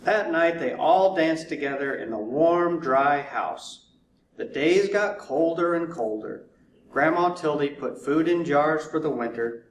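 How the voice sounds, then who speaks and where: A fire chief reads a children's storybook aloud, his slightly high voice slow and deliberate yet animated, drawing out repeated lines for effect. The mic sits far off in a roomy, echoing space with faint background noise.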